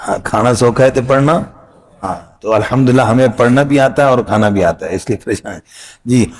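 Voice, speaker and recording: A middle-aged man gives a relaxed, patient lesson on pronouncing letters. He repeats each phrase and stretches the sounds out so learners can copy him. His voice sits at an ordinary pitch. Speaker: Quran recitation teacher. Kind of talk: casual spoken lesson.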